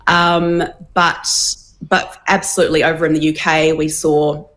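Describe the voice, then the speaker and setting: Low-voiced woman on a video call. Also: level tone, fairly bright tone. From New Zealand. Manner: earnest, measured, frequent fillers. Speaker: guest, women's advocacy CEO. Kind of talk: interview by video link.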